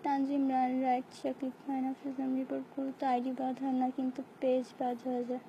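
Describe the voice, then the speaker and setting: A young woman with a sore, hoarse throat hosts a casual live chat, reading out viewer comments and answering them playfully with English phrases mixed in. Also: high voice, monotone, a little fast, highs cut off, slight background noise. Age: young adult.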